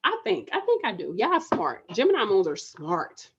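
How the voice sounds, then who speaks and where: A woman in her thirties talks straight to her viewers in a loose, casual way. She is emphatic and repeats phrases to urge them on. Her voice sits at a middle pitch, and the home recording sounds slightly muffled. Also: huge pitch swings, normal speed, husky. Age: 30s. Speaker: spiritual vlogger. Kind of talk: motivational direct-to-camera talk.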